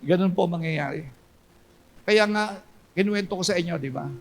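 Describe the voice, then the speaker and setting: A man preaching a sermon as pastor, swinging between loud cries and low hushed storytelling. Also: normal speed, creaky, faint music behind.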